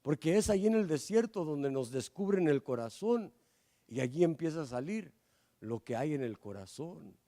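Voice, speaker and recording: A man preaching a sermon as pastor, swinging between loud fervent pleas and low quiet asides. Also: very animated, normal speed.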